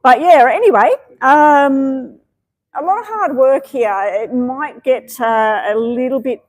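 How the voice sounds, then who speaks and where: A woman's voice: high voice, slow, no room sound, low-quality recording. A woman giving tarot readings on a live stream, chatty and meandering, with many fillers. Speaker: tarot reader.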